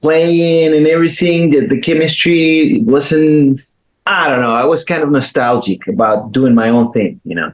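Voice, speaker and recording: A middle-aged man from Chile, a guitarist telling his story as a guest in a casual interview, easygoing, with pauses and restarts. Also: on the high side, dull audio.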